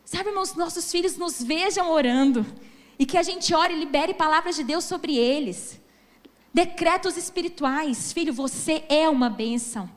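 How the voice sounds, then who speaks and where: Brazilian woman pastor, 30s, high voice, emphatic sermon delivery, long church-hall reverb. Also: normal speed. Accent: Brazilian Portuguese. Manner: preaching emphatically, addressing the congregation as brothers.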